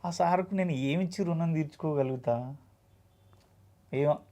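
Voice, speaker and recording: A man's voice: on the high side, a little slow, mellow. Emotional man. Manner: earnest, emotional, acts out quoted dialogue. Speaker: actor, interview guest. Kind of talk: emotional interview storytelling.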